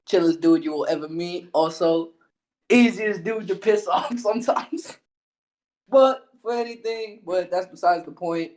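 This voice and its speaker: A man with a slightly higher voice chats casually on a podcast, laid-back and joking. His talk is loose and full of slang. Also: measured pace, darkish tone. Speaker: podcast co-host.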